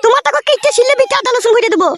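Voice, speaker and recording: A woman doing a shrill nagging cartoon wife. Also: crowd noise. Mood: scolding. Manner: shrill scolding, rapid insults. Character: nagging scolding young wife, sharp-tongued. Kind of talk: adult comedy cartoon dubbing.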